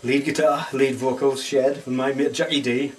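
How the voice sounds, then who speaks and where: A man's voice: medium pitch, flat delivery, moderate pace. A man with a Northeast English accent, a band guitarist chatting easygoing and rambling in a casual interview at a lounge bar. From Sunderland, England. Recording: distant mic, faint room noise.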